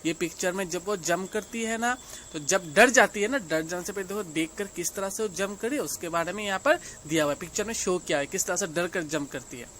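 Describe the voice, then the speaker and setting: A woman's voice: lowish voice, fairly bright tone, slight background noise. A woman teacher with an Indian English accent, reading a class storybook line by line and explaining each part for young pupils. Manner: reads English lines slowly, then explains in Hindi.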